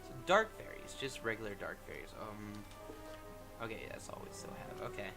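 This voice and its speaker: A man's voice: fairly low pitch, very animated, normal speed, creaky, music in the background. A man hosting a game walkthrough with casual commentary, thinking aloud informally.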